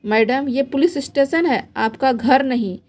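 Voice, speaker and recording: Brusque male inspector as a woman puts him on, lecturing, reproachful, storybook, loud. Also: sits high, unhurried. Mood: stern.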